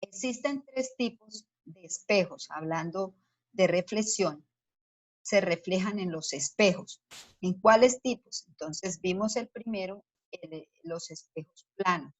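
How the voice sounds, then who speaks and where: A woman's voice: on the low side, slow pace. A woman teacher giving a science lesson to children, explaining patiently step by step and asking the class questions as she goes. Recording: dull lo-fi sound.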